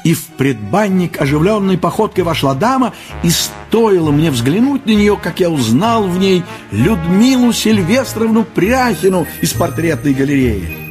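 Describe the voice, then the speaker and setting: A man narrating an audiobook in an expressive, ironic storytelling manner. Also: high-pitched, moderate pace, soft background music.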